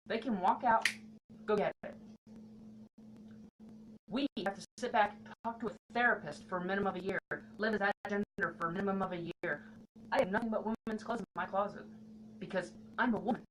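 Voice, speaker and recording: Speaking quickly at a medium pitch, a woman vlogger talks candidly and earnestly to the camera in a personal vlog. There's noticeable background noise in the recording.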